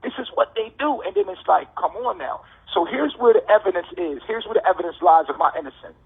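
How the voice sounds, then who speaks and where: A man's voice: high-pitched, lively intonation, fast, gravelly, breathy edge. An American man on a prison phone line, delivering an impassioned, slangy monologue with emphatic repetition and rhetorical questions. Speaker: detainee speaking on a jail phone call.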